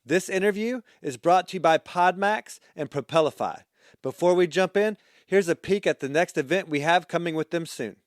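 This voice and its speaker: A man hosting a podcast, reading a scripted intro and then chatting with his guest, measured at first and then hesitant with fillers. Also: fairly high pitch, no room sound, studio quality. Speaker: podcast host. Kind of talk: scripted intro narration and casual interview.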